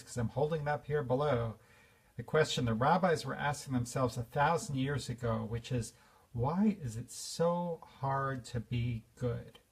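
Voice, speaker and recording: A man in his fifties delivers an earnest, reflective spiritual talk to an audience in an informal style, using fillers and restarting sentences. His mid-range voice is husky and sounds like it was recorded from a distance.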